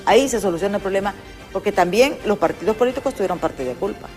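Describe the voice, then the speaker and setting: This older Honduran host of a political talk show talks fast, with lively intonation in a medium-pitched, darkish voice, as faint music plays behind her. Her Honduran Spanish delivery is emphatic and opinionated, and she speaks straight to the viewers.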